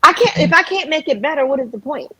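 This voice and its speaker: A woman's voice: high voice, lively intonation, fast, sharp tone, no room sound, poor audio. A middle-aged woman, a singer and guest on a podcast, talking in an emotional, heartfelt way, laughing often and restarting her sentences. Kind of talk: casual podcast conversation.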